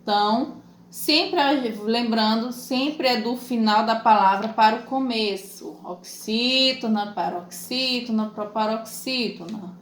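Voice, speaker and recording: Slow, patient Brazilian woman teaching. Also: a little high. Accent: Brazilian Portuguese. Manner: slow, patient, spells out letters and syllables. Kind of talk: online lesson for children. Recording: echoey room with faint noise.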